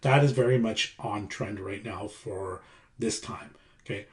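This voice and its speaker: Guy casually talking thru a design deck, relaxed, lots of um and okay?. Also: fairly low pitch, unhurried. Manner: relaxed, conversational, many fillers and "okay?" checks. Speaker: construction coach. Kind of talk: casual explainer walking through a design presentation.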